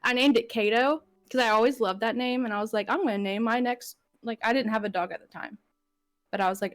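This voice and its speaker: A woman in her late twenties, a podcast guest chatting casually, giggling often and leaning on lots of fillers. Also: medium pitch. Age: 20s. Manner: giggly, filler-heavy storytelling. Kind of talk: casual chat.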